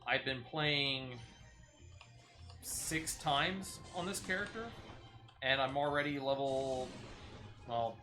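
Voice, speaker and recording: Over music, a game streamer speaks slowly and pauses often as he chats casually with a viewer during play. His voice sits in the mid range.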